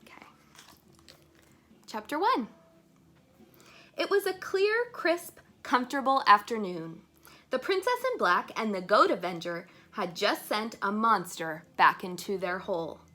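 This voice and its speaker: Here a woman with a medium-pitched voice shares a chapter book full of pictures with young listeners. Her reading is lively, and she breaks off to quiz the children along the way.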